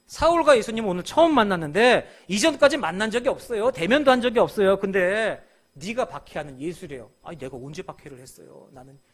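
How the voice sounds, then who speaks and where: A male pastor delivering a sermon in a church, his voice sitting high and leaping widely in pitch. He acts out the biblical characters as he preaches. His delivery is animated, with sudden loud bursts. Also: breathy edge.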